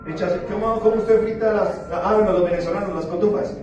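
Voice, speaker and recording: A man preaching a sermon as pastor, playful and questioning, slowing down for emphasis. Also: high voice, steady tone, highs cut off. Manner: playful, asks the congregation questions, slows down for emphasis. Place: church sanctuary. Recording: very echoey church hall, far from the mic, with music behind.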